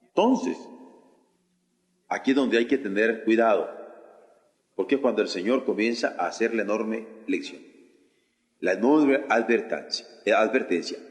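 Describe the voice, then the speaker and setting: A man preaching a sermon as pastor, lively and dramatic, acting out the voices of people in a parable. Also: lowish voice, a little slow, pauses often. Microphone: 1980s sermon recording. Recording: echoey church hall, long reverb.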